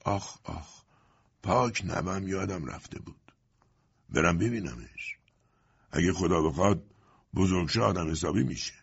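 A man voicing an old merchant father who talks in a low, heavy, resigned way, in an audiobook. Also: lively intonation, vocal fry, pauses often, breathy edge, highs cut off, full character voice. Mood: rueful. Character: old weary merchant father, despairing and quiet.

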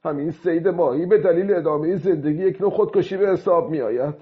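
A man playing a gravelly old fisherman. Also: mid-range voice, narrow, tinny audio. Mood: loud self-talk. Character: old lone fisherman, weary and brooding. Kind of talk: radio drama acting.

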